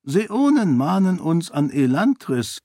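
Guy doing an old duke, courtly and witty, higher voice than his own, slow. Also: very animated, mellow, no room sound, studio quality, heavily acted. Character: elderly genial male duke, dry wit. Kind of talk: audiobook character voice.

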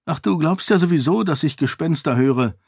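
A man's voice: a little high, expressive, moderate pace, gravelly, darkish tone, breathy edge, no echo, studio quality, pitched above the performer's own voice, heavily acted. A man voicing a curious, spirited young noblewoman in an audiobook, talking eagerly and teasingly.

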